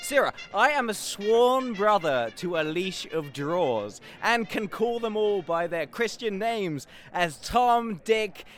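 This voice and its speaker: Man acting a high-voiced, playful young prince. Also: fairly bright tone, exaggerated voice. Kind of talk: Shakespearean stage acting.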